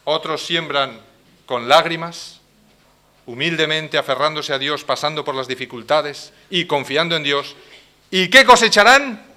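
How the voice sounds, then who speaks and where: A man with a Spain Spanish accent preaching a sermon as pastor, dramatic and swinging between hushed lines and loud outbursts. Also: a little high, animated, unhurried.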